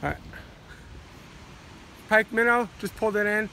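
A man's voice: high voice, a little slow, vocal fry, a little hiss or hum. A man in his forties, a father, casually narrating a fishing vlog into a phone held at arm's length, in a car and on a river dock, rambling with lots of ums. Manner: relaxed, rambling with many ums. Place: inside a parked car, then outdoors on a river dock. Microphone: phone camera at arm's length.

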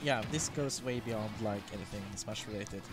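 A man's voice: lowish voice, normal speed, soft background music. A man co-commentating a fighting game match on a headset, with short dry joking remarks. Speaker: esports co-commentator. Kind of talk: casual live game commentary.

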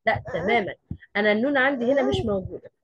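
Egyptian woman teaching tajweed, husky. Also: on the high side, expressive, racing, no room sound, dull audio. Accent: Egyptian Arabic. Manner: explains step by step with rhetorical questions. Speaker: Quran recitation teacher. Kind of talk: tajweed lesson.

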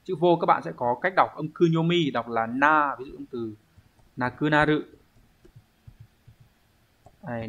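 A man teaching an online language lesson, explaining step by step at an unhurried pace and thinking aloud with pauses. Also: mid-range voice, fairly bright tone, muffled recording. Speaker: Japanese teacher.

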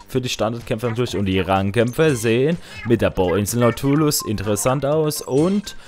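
A man giving casual, excitable commentary while playing a video game online, with sudden loud high outbursts. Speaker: gaming let's player. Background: faint game music.

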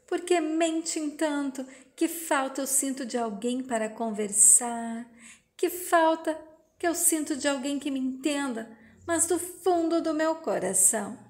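A woman's voice: high-pitched, unhurried, darkish tone. A woman reading the part of a grieving young widow, speaking in a tearful, pleading way. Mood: sorrowful.

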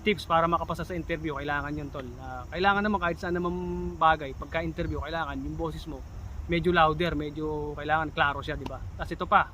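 Bright-voiced chatty Filipino vlogger man. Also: on the high side, fairly even intonation, fast, a little hiss or hum. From Philippines. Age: 30s. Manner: chatty, keeps calling viewers "tol", emphatic warnings. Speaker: vlogger giving job interview tips. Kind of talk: casual advice vlog.

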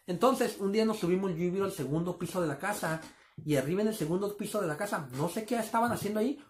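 A man's voice: high-pitched, roomy sound. A man casually telling a story to his listeners, calling them friends and acting out the sound effects. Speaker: storyteller host.

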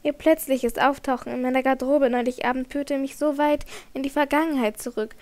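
A woman's voice: sits high, steady tone, brisk, a little mellow, lightly acted. A woman voicing a troubled young female opera singer in an audiobook, tense and evasive. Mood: confused gentle. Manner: tense, trembling, icy at times. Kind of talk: audiobook character reading.

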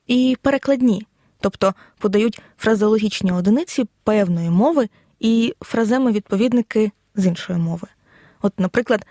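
A woman teacher giving a scripted audio lesson, explaining in a measured way and reading examples out one by one. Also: mid-range voice, dark tone, no echo, studio quality. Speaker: Ukrainian language teacher.

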